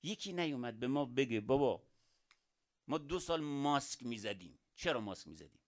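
A man preaching a sermon who asks rhetorical questions and swings between quiet and loud emphasis. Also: mid-range voice, lively intonation. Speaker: religious speaker. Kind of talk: sermon to an audience.

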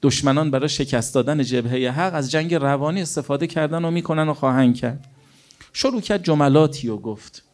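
Man preaching a sermon, higher pitch. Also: darkish tone. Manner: storytelling with quoted dialogue; rhetorical questions to the audience. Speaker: cleric.

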